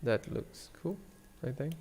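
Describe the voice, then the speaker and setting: A man's voice: medium pitch, unhurried, creaky, darkish tone, in a large hall, slight background noise. A young man from Sri Lanka, a 3D designer chatting casually and joking with viewers while he models on a live stream. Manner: rambling, joking with chat viewers.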